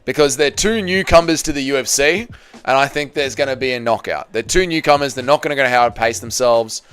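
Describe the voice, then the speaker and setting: Over soft background music, this thirtysomething livestream host chats about MMA and reads viewer comments aloud, addressing everyone as "boys." His mid-range voice is clear, resonant and fairly bright, moving at a fairly quick clip. The humor is crude and blokey, and he says the same things again and again.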